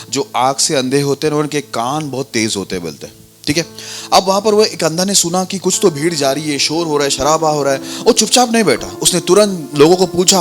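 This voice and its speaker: A man's voice: on the high side, a bit bright. A male pastor preaching a sermon with a touch, retelling a Bible story and acting out the crowd's scolding voices. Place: church hall.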